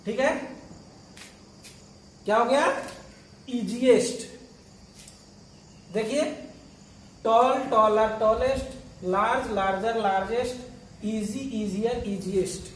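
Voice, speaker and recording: With an extremely high-pitched voice, a male teacher leads a slow, patient grammar lesson, asking questions and then answering them, repeating and spelling out every word one step at a time. He's heard from a distance in a spacious, echoey classroom over a faint hiss.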